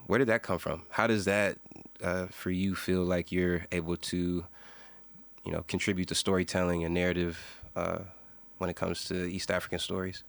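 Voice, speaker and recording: A man's voice: deep voice, vocal fry, no echo. A man hosting a casual interview, asking rambling, hesitant questions and often affirming what his guests say. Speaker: host, interviewer.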